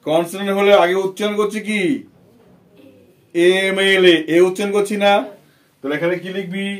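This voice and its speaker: A man teaching an English grammar lesson to children, with a Bengali accent, patiently repeating points and quizzing his students. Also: sits high. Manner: patient, repetitive, asks students questions.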